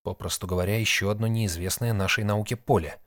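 A man's voice: lowish voice, fairly even intonation, fast talker, a bit bright, no room sound, clean studio sound, close to an everyday voice. A man voicing Nick, a wry space explorer. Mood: curious. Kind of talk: audiobook reading.

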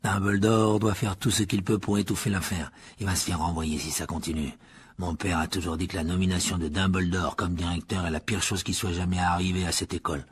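A man voicing a sneering, arrogant pure-blood boy wizard, scornful and gloating in a raspy voice. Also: sits low, steady tone, fairly quick, voice pushed down.

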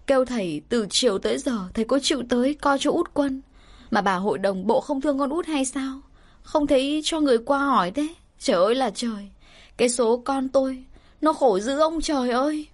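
A woman's voice: sits high, brisk, pitched above the performer's own voice. A woman voicing a distraught middle-aged village mother who sobs and pleads as she talks. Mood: sobbing, wailing. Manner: sobbing, pleading.

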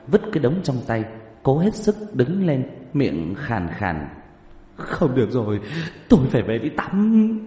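A man narrating an audiobook story with lively, expressive delivery. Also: on the low side, a little hiss or hum. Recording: roomy reverberant recording.

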